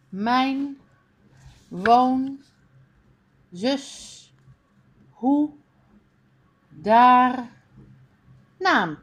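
A woman reading a beginner reading lesson aloud, sounding out each word clearly with pauses between them. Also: a little high. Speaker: reading teacher.

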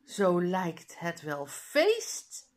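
Woman reading friendly female teacher, storybook, welcoming, unhurried. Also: on the low side, wildly swooping pitch, full character voice. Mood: warm. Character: kind female teacher recovering from flu.

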